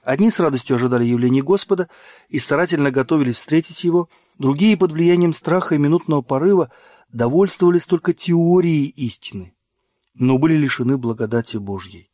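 A man narrating a religious book in a measured, solemn reading. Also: a little high, animated, a little mellow, no echo, studio quality. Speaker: audiobook narrator.

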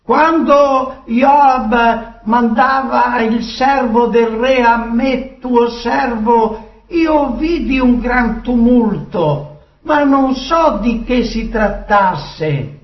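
A man's voice: very high voice, drawn-out words, pitched above the performer's own voice, full character voice. A man voicing an eager young male messenger in a dramatic scripture reading. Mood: breathless. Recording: distant echoey dull recording.

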